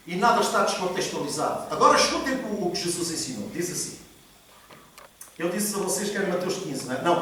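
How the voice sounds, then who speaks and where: A man's voice: high-pitched, a bit bright. A male pastor preaching a sermon to a congregation. He repeats key phrases and puts questions to his listeners. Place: church hall. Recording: echoey church hall from far off.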